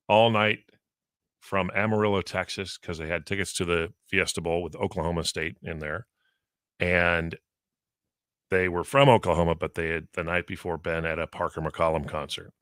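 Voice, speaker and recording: A man's voice: low-pitched, steady tone, moderate pace, a bit bright, no room sound, clean studio sound. A man hosting a radio show in casual morning chat.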